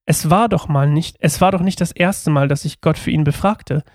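A man voicing a loyal old high priest who defends himself slowly and earnestly in a scripture reading. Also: darkish tone, dry recording, studio quality, natural voice.

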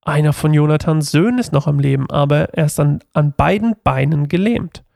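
A man's voice: fairly high pitch, animated, brisk, vocal fry, darkish tone, dry recording, clean studio sound. A man reading the replies of a humble male servant to his king. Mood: dutiful. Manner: dutiful, read aloud.

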